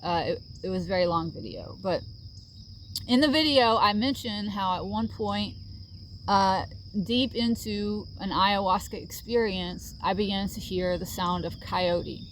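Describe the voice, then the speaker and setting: A woman's voice: mid-range voice, a little slow, a little hiss or hum. Middle-aged woman, casual vlog monologue, earnest and reflective, faint crickets behind her. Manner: earnest, reflective, with frequent fillers and soft laughs. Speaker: vlogger sharing a healing journey. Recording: faint outdoor ambience with crickets.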